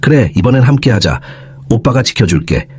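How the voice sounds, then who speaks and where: A man voicing a grieving young man who is a gentle elder brother, in an audio story, with a husky voice. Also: mid-range voice, sing-song, fairly quick, voice pushed up. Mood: tearful.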